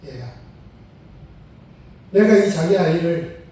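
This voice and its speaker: A man voicing God, who speaks gently and fatherly to a grieving mother, heard in a very echoey hall. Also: on the high side, animated, slow pace. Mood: tender. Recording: very echoey sanctuary, mic far off.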